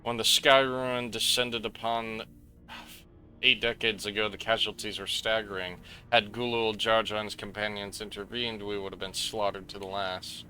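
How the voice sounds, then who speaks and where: A man's voice: lowish voice, flat delivery, normal speed, pushed and bright. A man streaming a game live, reading the story text aloud, tripping over names and swearing in between.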